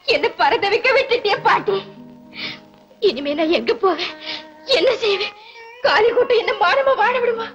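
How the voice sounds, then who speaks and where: A poor orphaned young woman, tearful and despairing, pleads in a very high, strained voice. She sobs through every line of this old film melodrama. Faint music runs under the soundtrack. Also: lively intonation, moderate pace, long pauses, a bit bright, highs cut off. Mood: grieving. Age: young adult. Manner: sobbing, despairing pleas. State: crying. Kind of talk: 1960s Tamil film melodrama.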